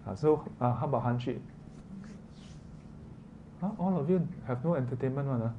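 The sound is phone-quality, capturing a man's medium-pitched voice at a moderate pace. With a Singaporean or Malaysian accent, he teaches an informal, interactive lesson, chatting casually and often asking short questions peppered with local particles. Noisy room ambience is clearly present.

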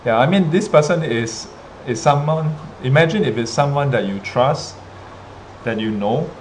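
Over a clearly noisy background of rain and ambient sound, a Singaporean-accented man with an expressive mid-range voice narrates a story casually on a livestream. He is a host and teacher speaking to students, and he halts often, pausing and repeating himself as he addresses viewers.

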